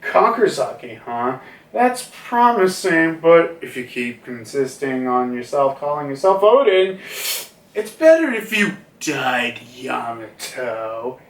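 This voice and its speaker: A man voicing a huge, stern pirate father, speaking slowly and gravely. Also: medium pitch, sing-song, recorded from a distance. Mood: cold. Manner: slow, grave, drawn-out. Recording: roomy, a bit off mic.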